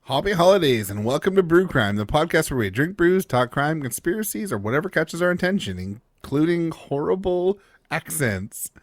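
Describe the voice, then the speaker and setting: A man hosting a podcast, telling a crime story with plenty of swearing and jokes. His pitch moves around a lot as he talks. The sound is dry and close. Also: normal speed, no room sound. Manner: swearing, joking, lively storytelling. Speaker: podcast host.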